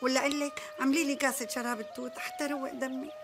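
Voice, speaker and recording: A woman's voice: high-pitched, fairly even intonation, very fast, close to an everyday voice. An actress playing a curious, dramatic neighbor woman who laments nosily, with a Damascene accent. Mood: lamenting. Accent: Damascene Arabic. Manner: nosy, lamenting. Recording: music underneath.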